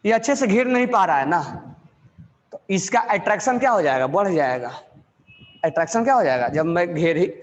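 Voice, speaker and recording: A male chemistry teacher giving a classroom lecture, asking questions and answering them himself, repeating key phrases slowly. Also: high-pitched, long reverb tail, dull audio. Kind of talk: classroom lecture in Hindi mixed with English.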